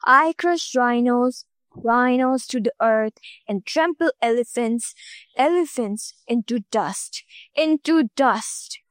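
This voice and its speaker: A woman voicing a small male caterpillar who booms out boastful threats in a storybook tale. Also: takes it slowly, dry recording.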